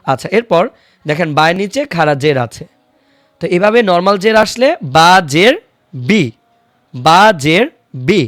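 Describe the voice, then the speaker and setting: A man teaching Quran reading in an online lesson, patiently spelling out each syllable and repeating it slowly so learners can follow. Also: high-pitched, expressive, a bit bright, dry recording, studio quality.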